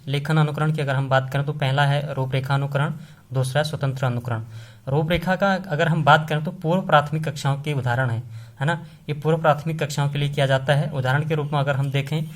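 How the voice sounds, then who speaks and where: A man teaching an exam-prep lesson, explaining step by step and often checking in with the listener with short tag questions. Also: fairly high pitch.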